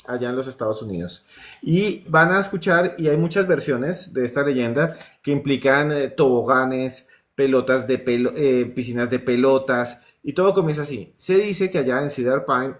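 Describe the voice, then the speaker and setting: A man with a Colombian accent, a horror writer telling urban legends on a talk show and acting out the voices of the people in them. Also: medium pitch. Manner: animated storyteller acting out voices and screams.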